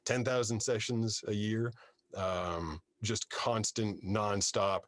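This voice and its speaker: A voiceover artist, guesting in a conversational interview, recounts his story from a soundproof booth on a studio microphone. His fairly low voice moves slowly but with lively storytelling energy, and he frequently repeats words as he starts sentences over.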